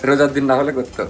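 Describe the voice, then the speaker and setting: A man's voice: fairly high pitch, a bit bright. A man chatting casually as the host of a challenge vlog. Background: clear music.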